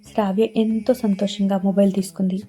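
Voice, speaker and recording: A woman narrating a romance story in a steady, dramatic reading style. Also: medium pitch, brisk, breathy edge, soft background music.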